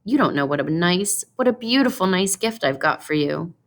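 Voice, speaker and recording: Woman playing an eager, pleading young wife, lifted pitch. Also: animated, moderate pace. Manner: bright pleading exclamations. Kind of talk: storybook read-aloud character voice.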